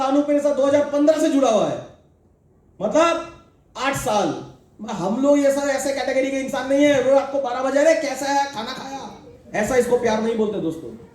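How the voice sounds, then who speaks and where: A middle-aged man with a very high-pitched voice delivers a preachy motivational talk to an audience. He keeps asking the crowd questions and slips jokes in between. The sound rings out across a big, strongly echoing hall. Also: a little mellow, far from the mic. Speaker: motivational speaker addressing a sales team. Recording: very echoey hall.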